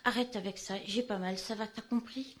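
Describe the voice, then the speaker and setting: A woman's voice: mid-range voice, fairly even intonation, moderate pace. A woman giving an intense, theatrical spoken-word poetry performance.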